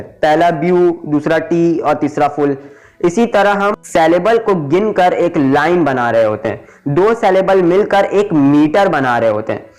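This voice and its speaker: A male teacher talks in an unhurried, careful way and his voice sits a little high. He explains each term in two languages and counts syllables one by one. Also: darkish tone, rough recording. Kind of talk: explanatory lesson.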